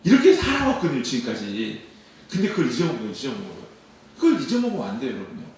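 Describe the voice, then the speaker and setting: A man's voice: mid-range voice, huge pitch swings, rapid-fire, darkish tone, recorded from a distance. A man preaching a sermon as pastor, acting out quoted dialogue and asking the congregation questions. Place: church sanctuary at a dawn service. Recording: echoey church sound from away from the mic.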